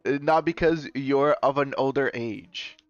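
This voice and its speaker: This man speaks at medium pitch and a measured pace while casually chatting with viewers on a live stream. He rambles and frequently corrects himself with a chuckle. The recording is dull, lo-fi stream audio with faint music.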